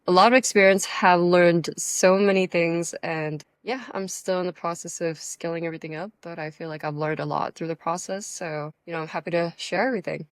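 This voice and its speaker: A woman's voice: fairly low pitch, steady tone, brisk, few pauses, no room sound. A teenage girl from Thailand, a podcast guest talking about her online coaching work in an upbeat, chatty way full of fillers, over a video call. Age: teens. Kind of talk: casual conversational interview.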